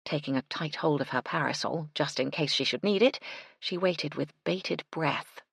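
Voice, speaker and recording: Low gravelly woman narrating. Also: moderate pace, fairly bright tone, dry recording, studio quality. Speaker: audiobook narrator. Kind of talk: scripted narration.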